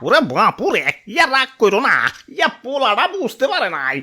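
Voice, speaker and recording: A woman voicing a breathy old grandmother. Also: on the high side, sing-song, brisk, pushed and bright, raised voice, full character voice. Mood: pleading. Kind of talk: cartoon voice acting.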